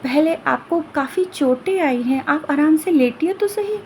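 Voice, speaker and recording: A woman storyteller voicing a gentle young noblewoman from a golden kingdom who speaks politely and soothingly. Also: high-pitched, animated, a little slow, slight background noise, pitched above the performer's own voice. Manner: soothing, polite, formal reassurance.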